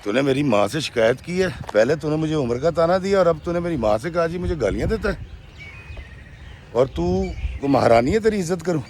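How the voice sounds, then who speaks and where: Man playing an abusive husband, raised pitch, rough and scolding, faint noise behind. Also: expressive, a little mellow, natural voice. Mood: angry. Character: short-tempered abusive middle-aged husband.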